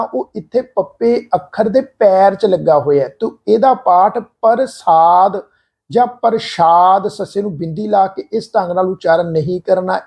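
A man teaching correct pronunciation of scripture, speaking slowly and deliberately, repeating and drawing out syllables to demonstrate them, and politely addressing the congregation. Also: high-pitched, creaky, mellow. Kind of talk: patient instructional explanation.

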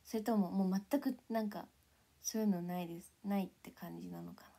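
A young woman chatting casually to viewers on a livestream, playful and giggly, sometimes dropping into soft whispers. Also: fairly low pitch, fairly even intonation, brisk, gravelly. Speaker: idol livestreamer.

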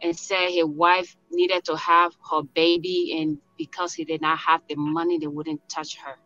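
A woman's voice: fairly low pitch, little pitch movement, normal speed, sharp tone, faint music behind. A woman from Liberia, a nurse volunteer, earnestly recalling her return home in a video call interview. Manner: earnest, emotional recollection. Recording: dull lo-fi call audio.

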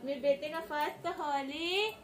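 A young mother coos at her baby son in loud, high, sing-song baby talk. Her voice lifts far above her usual pitch and swoops as she coaxes him. Faint household noise sits behind her. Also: unhurried.

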